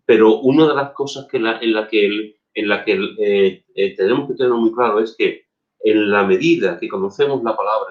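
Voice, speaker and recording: A man preaching a sermon as pastor, emphatic, repeating phrases and asking rhetorical questions. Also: lowish voice. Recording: dull lo-fi recording.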